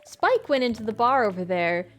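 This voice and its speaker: A woman's voice: fairly high pitch, animated, moderate pace, natural voice. A woman reading the lines of a cheerful villager who is proud of a catchy fish song, in a chirpy sing-song way.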